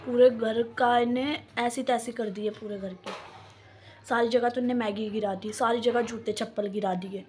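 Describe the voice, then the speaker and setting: A woman's voice: fairly high pitch, fairly even intonation, normal speed, darkish tone, slight background noise. A woman chatting casually to her viewers in a daily home vlog, filmed on her phone and addressing them as guys. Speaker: vlogger. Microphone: handheld phone camera.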